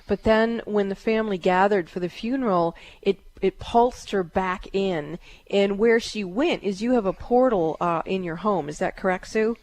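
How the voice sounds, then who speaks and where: Calm woman radio psychic host. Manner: calm, soothing, with frequent fillers; chants in a high drawn-out voice. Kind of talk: call-in radio talk.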